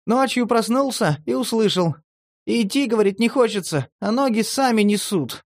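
A man voicing a touchy, tearful homeless male addict in a horror audiobook, talking in a shrill, agitated, pleading way. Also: expressive, moderate pace, dry recording, clean studio sound. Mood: brusque. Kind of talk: audiobook character voice.

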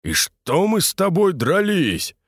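A man's voice: high voice, wildly swooping pitch, slow, dry recording, studio quality, voice pushed up, heavily acted. A man voicing a boisterous, bantering Moscow drinker nicknamed the cruiser, in an audiobook. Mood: hearty. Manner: loud, hearty, bantering.

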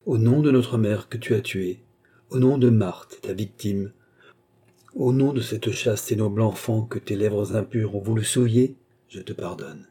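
A man's voice: medium pitch, animated, a little slow, pauses often, mellow, husky. A man voicing a proud, righteous young count in an audiobook, with stern, commanding declamation. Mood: solemn.

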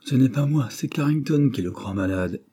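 A man's voice: medium pitch, expressive, mellow, slightly rough, voice pushed up. Careful village surgeon, read by a man. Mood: guarded. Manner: measured, careful. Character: cautious middle-aged male surgeon.

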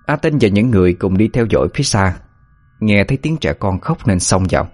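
Low-voiced male storyteller. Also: animated, a little fast. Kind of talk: scripted story narration.

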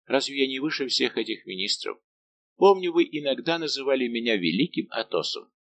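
A man reading aloud voicing a calm, dignified older nobleman. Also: mid-range voice, voice pushed up. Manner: measured, dignified, gently refusing.

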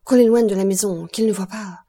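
A woman's voice: mid-range voice, a little fast, warm tone, husky. A woman reading the part of an anguished middle-aged male royal prosecutor in an audiobook, with tense, urgent outbursts. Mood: frantic.

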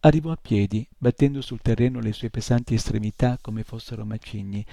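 A man reading a children's novel aloud, narrating in a measured, expressive way. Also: fairly low pitch, creaky, no echo. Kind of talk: audiobook reading.

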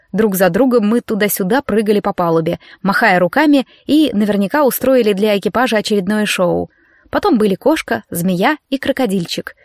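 A woman narrating an audiobook in a wry, lively storytelling manner, close to the mic. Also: on the high side, dry recording. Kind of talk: scripted narration.

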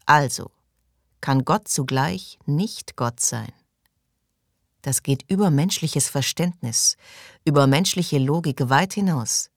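A woman voicing a hushed, solemn young mystic. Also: sits low, lively intonation, slow pace, no room sound, studio quality, heavily acted. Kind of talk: audiobook reading.

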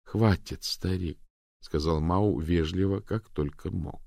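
A man voicing a tired, calm and stubborn island boy in a storybook reading, speaking evenly and politely. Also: sits low, takes it slowly, no echo, clean studio sound. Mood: firm. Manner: even, polite, steady.

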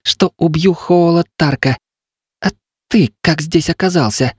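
A man's voice: a little high, measured pace, slightly rough, no echo, clean studio sound, pitched above the performer's own voice. Man doing a tearful, indignant teenage boy. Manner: whiny, indignant, shouting. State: crying. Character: hot-headed proud teenage boy, chief's son.

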